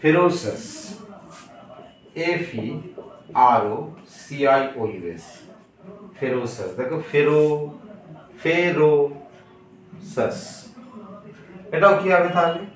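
A man teaching English grammar in a slow lesson, repeating words and spelling them out letter by letter. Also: on the high side, sing-song. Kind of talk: slow classroom-style lesson. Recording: very echoey room, distant mic.

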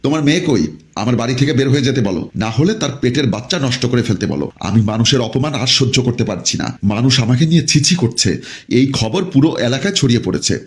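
Man putting on bitter scolding mother, middle-aged, sharp, animated. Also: mid-range voice, quick pace, lightly acted. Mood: angry.

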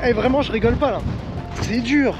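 A young man filming himself at arm's length on a windswept snowy cape, excitedly talking to his viewers about the place. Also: very high-pitched, fairly quick, highs cut off, loud music behind the voice. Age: young adult. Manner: excitable, shouting over the wind, talks to viewers as "les gars". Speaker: travel vlogger. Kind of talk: excited travel vlog to camera. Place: windswept snowy cape outdoors, then inside a van at night. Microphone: handheld camera at arm's length. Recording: loud wind noise on the mic. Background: strong wind.

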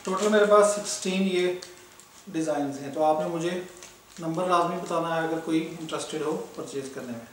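A man with a Pakistani Urdu accent chats through a fabric sale, speaking directly to customers. His voice sits high for a man. It rings around a very echoey room, a little way off the mic. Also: moderate pace, fairly bright tone, slight background noise. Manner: chatty, addresses customers directly with fillers. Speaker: online cloth seller. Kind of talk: casual sales talk. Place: indoors, filming fabrics on a table. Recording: very echoey room, voice somewhat far off.

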